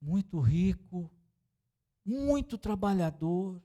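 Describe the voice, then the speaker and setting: A man's voice: high-pitched, big pitch swings, slow, dark tone. A Brazilian man preaching as a pastor in a church, telling a story and acting out the dialogue. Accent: Brazilian Portuguese. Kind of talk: sermon with storytelling.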